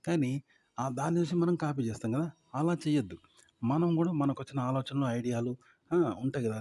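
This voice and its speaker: A man's voice: medium pitch, mellow. A man with a Telangana Telugu accent giving informal advice, emphatic and repetitive, often asking rhetorical questions. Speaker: content-making tips presenter.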